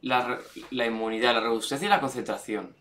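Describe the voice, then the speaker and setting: A young man with a Spanish accent from Spain, commenting on his gameplay, excitable, shouting and swearing at the game. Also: medium pitch, brisk. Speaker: gameplay streamer.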